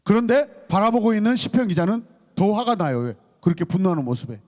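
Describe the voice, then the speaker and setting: A man's voice: high-pitched, big pitch swings, fairly quick, darkish tone. A man preaching as a pastor at a Friday night service, calling out questions to the congregation and acting out scolding voices. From South Korea. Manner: calls and responses to the congregation, acts out scolding voices.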